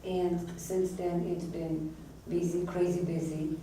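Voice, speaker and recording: A woman in her forties with a warm, lowish voice speaks slowly and flatly as a casual interview guest. A restaurant owner and native Russian speaker, she was born in Azerbaijan and raised in Israel and the United States. The mic is distant in an echoey room with faint noise.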